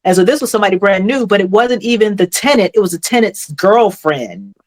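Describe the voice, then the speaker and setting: A woman's voice: medium pitch, animated, brisk. A woman co-hosting a podcast in casual chat, retelling stories in a chatty way. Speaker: podcast co-host.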